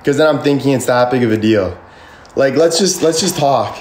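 A man's voice: mid-range voice, normal speed, a little mellow, a little hiss or hum. A man in his twenties venting on a livestream, rambling, defensive and emphatic, swearing freely, filmed on a phone in his bedroom. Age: 20s. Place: bedroom with ceiling fan, indoors. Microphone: phone camera at arm's length. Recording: echoey room.

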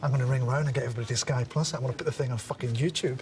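A man's voice: mid-range voice, fairly even intonation, very fast, background noise, lightly acted. An actor playing a foul-mouthed, bullying male government spin doctor who barks orders and swears. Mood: ranting. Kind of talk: TV comedy acting.

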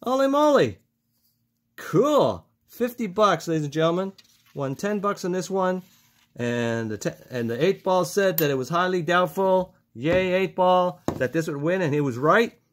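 A man giving casual, excitable commentary as he scratches lottery tickets, talking to his viewers as ladies and gentlemen. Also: sits high, moderate pace. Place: indoors at a table, over a cutting mat.

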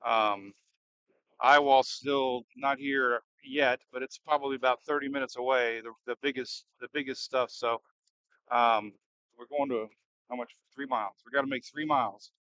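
A man giving casual, excitable live storm-chasing commentary, thinking aloud and firing off questions as he drives. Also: medium pitch, moderate pace, no echo, muffled recording. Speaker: storm chaser and livestream host. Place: inside a moving car in a storm.

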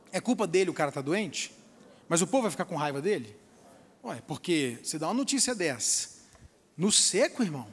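A man preaching a sermon as a pastor, lively, dropping to quiet asides and rising to loud, emphatic lines. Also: sits high, long reverb tail. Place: church auditorium.

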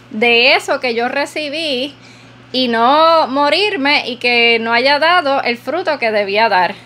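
A woman's voice: high-pitched, sharp tone. A woman podcast host giving an earnest, preacherly devotional talk, repeating phrases for emphasis.

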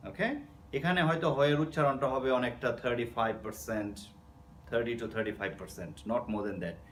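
With slight background noise behind his medium-pitched voice, a man with a Bangladeshi accent teaches spoken English. He explains patiently, repeats words, and asks his students "okay?".

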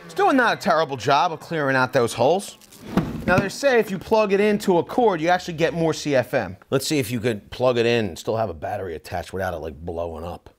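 A man in his forties giving a casual, lively tool review while testing gear in an indoor workshop, talking into a lapel mic. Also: medium pitch, fast, noisy background. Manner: lively, chatty, excited while testing tools.

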